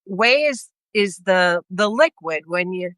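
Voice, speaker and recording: A woman's voice: lowish voice, expressive, takes it slowly, a bit bright, clear, resonant tone, no room sound. A woman talking casually in a live video chat, rambling and restarting her sentences as she explains. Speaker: guest speaker on health. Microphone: video call.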